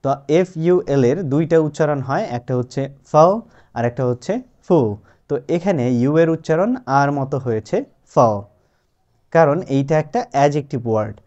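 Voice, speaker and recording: Patient male tutor, fairly high voice, methodical and repetitive, muffled lo-fi audio. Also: dark tone. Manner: patient, repeats example words slowly and clearly. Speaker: English teacher. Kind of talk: spoken lesson, explaining step by step. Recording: dull lo-fi sound.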